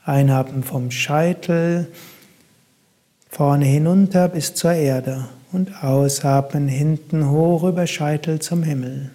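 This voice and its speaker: A man guiding a meditation in a calm, soft-spoken way, with long pauses between instructions. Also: a little high. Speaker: meditation guide.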